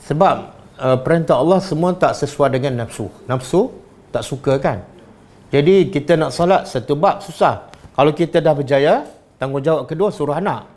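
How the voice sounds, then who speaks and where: Preaching at normal speed in a somewhat high voice, a Malaysian Malay-accented man challenges his listeners with animated rhetorical questions during a religious lecture.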